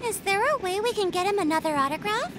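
A woman's voice: very high voice, expressive, fast talker, heavy background noise. A woman voicing a sweet, earnest young girl train in a children's cartoon, with music behind. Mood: concerned. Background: loud children's music.

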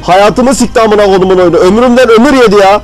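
Excitable swearing gamer man, high voice. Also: fast talker, soft background music, rough recording. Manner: excitable, swearing, mock newscaster tone. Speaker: gaming video host. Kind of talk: profane horror game commentary.

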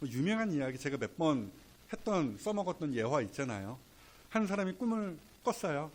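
A male pastor preaching a sermon, swinging between soft, casual asides and loud, drawn-out emphatic lines. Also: fairly high pitch, sing-song. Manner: colloquial, playful asides.

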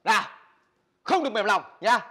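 High bright shouty young man. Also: sing-song, moderate pace, slightly rough, dry recording, clean studio sound. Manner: shouty, brash comic delivery. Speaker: comedy sketch actor. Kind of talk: comic sketch acting.

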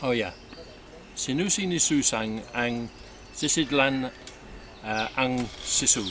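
A British man chatting casually and haltingly trying tongue twisters, repeating unfamiliar words. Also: mid-range voice. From United Kingdom. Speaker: husband co-hosting a couple's vlog. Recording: noisy home-video recording, loud background noise.

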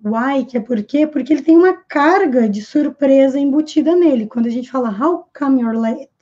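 A woman with a Brazilian Portuguese accent speaks in a high, mellow voice as she teaches English, carefully slowing down to repeat each English phrase and then translating it. The recording sounds a little dull. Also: expressive. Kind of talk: language lesson.

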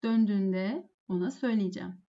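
A woman English teacher giving a lesson, saying each phrase slowly and then translating it. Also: mid-range voice, mellow, dull audio. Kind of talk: lesson explaining phone phrases.

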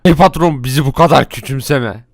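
A man's voice: medium pitch, a little fast, vocal fry, no room sound, studio quality, lightly acted. A man putting on the voice of a cocky young male thief henchman who boasts about his skills and reassures his boss. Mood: boastful.

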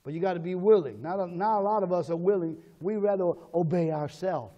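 A male pastor preaching a sermon in call-and-response style, swinging between shouted calls and low asides. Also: a little fast, long reverb tail, lo-fi sound.

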